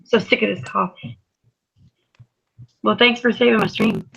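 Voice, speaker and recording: A woman chats casually on a live stream while her connection mangles her voice into a metallic, robotic sound. Her words come through choppy and distant, with pitch leaping up and down. Some syllables lose their tone and come out breathy and flat. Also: unhurried. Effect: robotic, metallic-sounding glitchy online call audio. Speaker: call-in participant on a live stream. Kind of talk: casual chat. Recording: distant, glitchy internet call.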